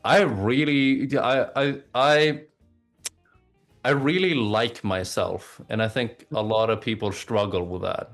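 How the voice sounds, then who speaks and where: Faint music plays softly behind this slow, mid-range male voice. He's an Oslo native who grew up speaking both English and Norwegian, and he talks informally as an interview guest, frequently repeating words as he gathers his thoughts.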